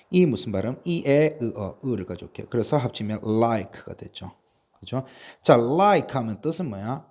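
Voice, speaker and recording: A man with a darkish, mid-range voice records an online spelling lesson in English. He drills each word by asking how it's spelled, then answers his own question one letter at a time.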